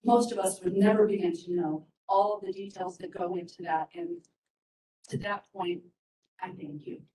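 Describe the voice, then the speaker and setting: A woman gives a heartfelt public comment at a county meeting, earnest and a little halting. Her voice carries from some distance and rings in a roomy hall. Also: on the low side, steady tone, dark tone. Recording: roomy hall, far from the mic.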